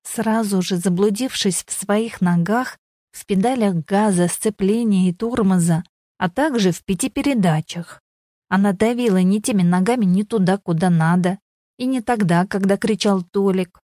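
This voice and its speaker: A woman narrating an audiobook in a lively storytelling manner. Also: medium pitch, normal speed, no echo, studio quality. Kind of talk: audiobook reading.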